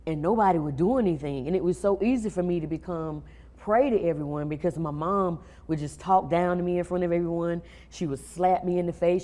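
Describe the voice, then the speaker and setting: A woman guest tells her story on a talk show, speaking quietly and haltingly. Her voice is low and mellow. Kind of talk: personal testimony interview.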